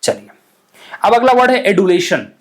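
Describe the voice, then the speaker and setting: A man's voice: high voice, big pitch swings, normal speed. A man teaching English vocabulary for exam aspirants, explaining words in Hindi mixed with English and often checking "ठीक है?". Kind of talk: exam-prep vocabulary lesson.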